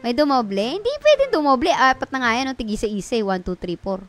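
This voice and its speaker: A young woman streaming a mobile game in casual commentary, loud, with sudden shrieks and swearing. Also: a little high, brisk, faint music behind.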